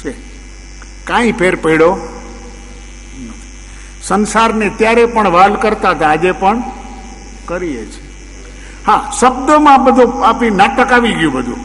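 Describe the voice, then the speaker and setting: High-voiced preacher in a hall. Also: male voice, a bit bright. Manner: rhetorical questions, repetitive emphatic phrasing. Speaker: spiritual preacher. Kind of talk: religious discourse with a parable. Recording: long hall reverb, faint mains hum.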